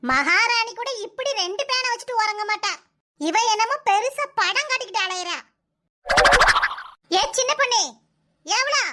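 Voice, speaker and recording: A woman voicing a sharp-tongued, proud old mother-in-law in a comic cartoon, nagging and sarcastic, with a Kanyakumari Tamil accent. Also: very high voice, animated, normal speed, long pauses, exaggerated voice. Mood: grumbling.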